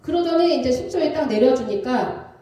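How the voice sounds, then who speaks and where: Woman, pastor's wife, testimony sermon, lively pitch, mellow tone, very echoey church, distant mic. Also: normal speed. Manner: animated storytelling, acts out voices. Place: church sanctuary.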